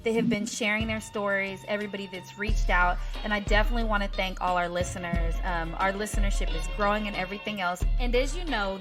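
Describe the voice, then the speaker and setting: A woman hosting a casual podcast interview, upbeat and swearing freely. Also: medium pitch. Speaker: podcast host.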